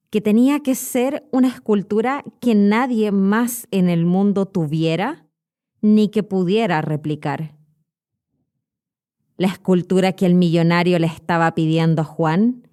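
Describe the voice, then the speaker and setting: With a low-leaning, dark and smooth voice, this Chilean-accented woman in her thirties tells scripted educational stories with expression. She hosts a podcast and teaches Spanish.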